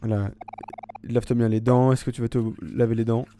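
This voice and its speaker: A man's voice: mid-range voice, steady tone, fairly quick, mellow, a little hiss or hum. A man streaming a casual live reaction, rambling and slangy, often restarting his sentences.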